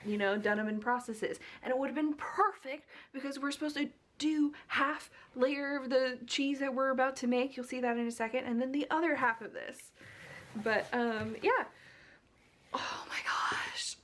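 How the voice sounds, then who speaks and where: A woman's voice: high-pitched, fairly even intonation, moderate pace, a little hiss or hum. A young woman with the hiccups hosting a casual cooking vlog, chatty, giggly and self-deprecating as she works. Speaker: cooking vlogger.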